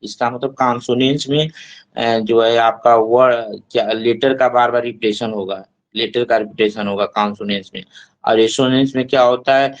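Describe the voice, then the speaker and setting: A man teaching an online English class in Hindi, explaining terms step by step and reading English lines slowly. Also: mid-range voice, steady tone, highs cut off. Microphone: online class mic.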